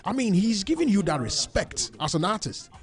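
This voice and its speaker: A man with a Ghanaian accent hosting a lively call-in debate, interrupting and repeating phrases emphatically as he switches between languages. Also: high-pitched, normal speed, soft background music. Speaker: radio show host.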